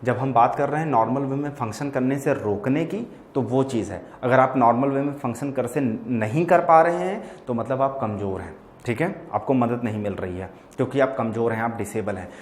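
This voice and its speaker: Male vocab teacher, exam-prep lesson, Hindi-English mix, talks to students as kids, average pitch, echoey room. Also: a little fast, a little hiss or hum. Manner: explains words in Hindi mixed with English, calls listeners "bachche"; keeps checking in with "theek hai?".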